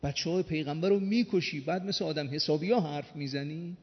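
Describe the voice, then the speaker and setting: A male preacher giving a religious sermon, telling a story with dramatic slow swells. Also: on the high side. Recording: dull lo-fi audio with long hall reverb.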